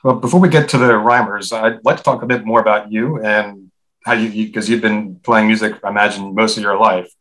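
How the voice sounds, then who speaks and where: A man's voice: on the low side, fairly even intonation, fairly quick, a bit bright, rough recording. A man hosting an interview, asking questions and giving brief listening replies over a video call. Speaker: host.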